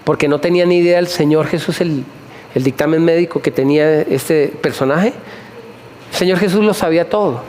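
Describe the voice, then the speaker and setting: A high-voiced man preaching a lively sermon to a congregation. He repeats phrases over and over and keeps putting questions to the listeners. A faint hiss runs under the recording. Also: a little fast. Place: church hall before a congregation.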